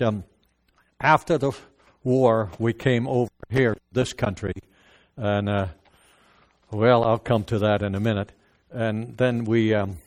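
An older man from the Netherlands with a Dutch accent, a native Dutch speaker, giving a halting personal testimony sermon with many restarts. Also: medium pitch, darkish tone. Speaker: preacher.

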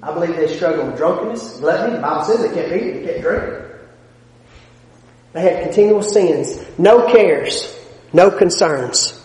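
Speaking on the high side with a darkish tone, lively intonation and normal speed, a man delivers a sermon. He's emphatic and folksy, making plain-spoken asides while his volume swells and drops between points. The church sanctuary's echoey hall adds long reverb.

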